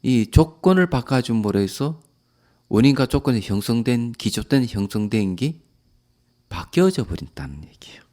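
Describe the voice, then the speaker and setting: A man, a Buddhist monk, giving a calm dharma lecture that often trails off softly at the ends of phrases. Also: medium pitch, normal speed.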